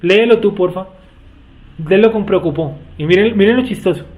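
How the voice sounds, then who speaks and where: A man's voice: sits high, fairly quick, darkish tone. A man teaching a Bible study class, explaining word meanings and often putting questions to his students. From Colombia. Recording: echoey room, tinny phone-like sound.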